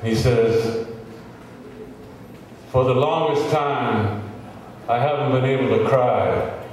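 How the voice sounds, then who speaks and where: A man's voice: mid-range voice, takes it slowly, darkish tone. Man reading poetry in an echoing hall. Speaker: poetry reader. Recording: very echoey hall, voice from far off, faint room noise.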